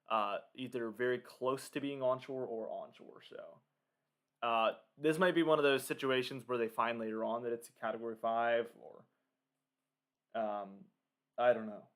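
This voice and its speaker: A man's voice: mid-range voice, smooth. A man giving casual live hurricane commentary, thinking aloud and talking informally to his viewers. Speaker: livestream weather commentator.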